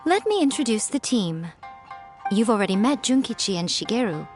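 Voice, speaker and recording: A sly, elegant fox spirit. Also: female voice, fairly high pitch, big pitch swings, moderate pace, soft background music. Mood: gracious. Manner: poised and teasing, playfully secretive. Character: sly, elegant fox-spirit woman who runs a publishing house. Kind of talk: video game voice acting.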